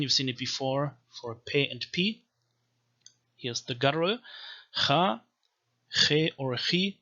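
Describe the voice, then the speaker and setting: A language teacher delivers an explanatory video lecture on reading an ancient script, carefully sounding out one syllable after the next. His medium-pitched voice is bright and forceful, and the recording is muffled.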